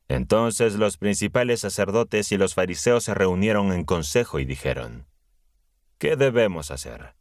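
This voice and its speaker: Male narrator, very low voice, solemn measured reading, dry sound. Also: dry recording. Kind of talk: scripted Bible audiobook narration.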